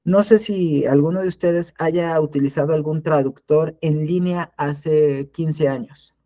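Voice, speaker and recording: A man's voice: a little high, measured pace, mellow, highs cut off. A man teaching a live online class in a conversational way, often restarting and repeating words. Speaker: instructor.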